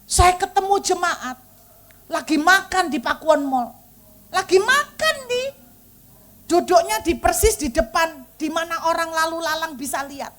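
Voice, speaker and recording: A woman preaches, her voice pitched high for a woman. She tells stories from the pulpit in a lively way and slips into the voices of the people she describes. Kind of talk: sermon with storytelling.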